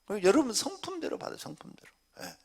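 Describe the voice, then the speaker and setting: Gravelly Korean pastor preaching with big swings. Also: male voice, very high-pitched, sing-song, fast. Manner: swings between loud shouting and hushed asides. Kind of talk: sermon.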